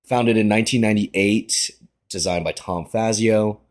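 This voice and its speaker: A young man hosting a casual podcast, talking in a relaxed way with frequent ums and pauses. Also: on the low side. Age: young adult. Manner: relaxed, slightly halting with many ums. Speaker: podcast host.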